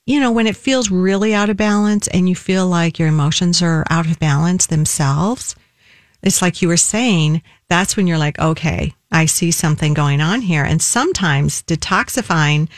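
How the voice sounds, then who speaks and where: A woman hosts a radio talk show as a nutritionist, her voice sitting a little low. She speaks in a measured, conversational way. The sound is dry and close. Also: no room sound.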